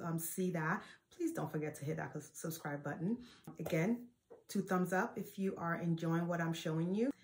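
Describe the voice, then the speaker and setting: Forties woman, lower-pitched, casual chatty vlog host, talks to camera in a sewing room. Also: a little mellow. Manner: chatty, with frequent fillers and restarts. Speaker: quilting channel host. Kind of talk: casual show-and-tell vlog.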